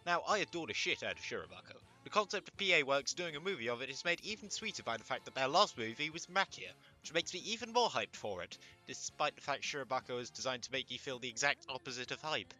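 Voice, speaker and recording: His voice is medium-pitched and sharp, racing along with lively intonation and barely a pause. He's the host of an anime commentary channel, reading scripted comedic commentary in a sarcastic, mock-exasperated, sweary style with music beneath it.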